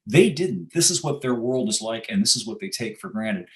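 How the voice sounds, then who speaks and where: A man's voice: on the low side, lively intonation, moderate pace. An American man, a guest in an interview, talking in a sardonic, emphatic storytelling way. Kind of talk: casual interview talk.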